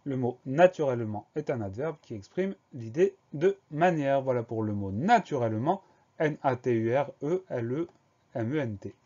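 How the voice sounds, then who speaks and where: A man teaching a dictation lesson, slowly and methodically spelling each word letter by letter. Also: medium pitch, lively intonation, dark tone, lo-fi sound.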